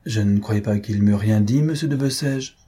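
A man's voice: lowish voice, normal speed, dark tone, slightly rough. Man reading a guarded young countess. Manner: curt, restrained replies. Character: young woman, reserved countess, proud and guarded.

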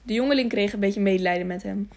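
A woman narrating a children's novel aloud in a calm, even storytelling manner. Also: medium pitch, fast talker, vocal fry. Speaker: audiobook narrator. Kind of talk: scripted narration.

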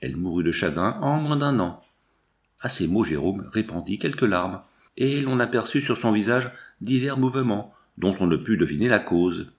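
A man's voice: on the low side, expressive, moderate pace. A man narrating a classic gothic novel as an audiobook, voicing the dialogue of each character himself. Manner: reads all the characters himself, voicing them lightly. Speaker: audiobook reader. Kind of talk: scripted narration.

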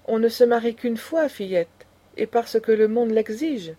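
A woman's voice: on the high side, a little slow, dark tone. A woman voicing an indignant aristocratic old grandmother who lectures with passion. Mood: lecturing. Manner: impassioned, lecturing.

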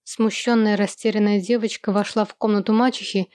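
A woman's voice: medium pitch, fairly even intonation, fairly quick, darkish tone, no echo. Woman narrating a novel, dry close sound. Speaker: audiobook narrator. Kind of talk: scripted literary narration.

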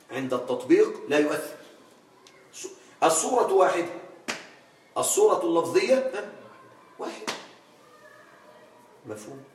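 A man teaching an Arabic grammar lesson in a classroom, quizzing his students with questions and stretching out words slowly for emphasis. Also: on the high side, a little mellow, a little hiss or hum. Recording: echoey room, from far off.

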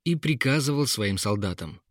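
Expressive male storyteller, dry sound. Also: mid-range voice, normal speed, no echo. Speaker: narrator. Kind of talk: audiobook narration of a fairy tale.

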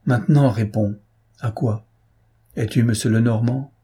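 A man's voice: medium pitch, steady tone, measured pace, dark tone, breathy edge. A man voicing a blunt police deputy chief who speaks in curt, terse orders, in a read-aloud novel.

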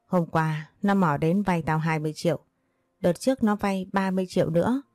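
A woman's voice: on the low side, fairly quick, darkish tone, no room sound, clean studio sound, lightly acted. A woman voicing a harsh older village moneylender woman who talks bluntly and rudely. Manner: blunt, bullying, rude.

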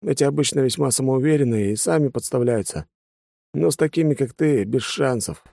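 A man's voice: a little high, brisk, vocal fry, dark tone, dry recording, clean studio sound, voice pushed up. Man voicing a weary turncoat bandit. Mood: resigned. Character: cowardly mercenary bandit, pragmatic, tired.

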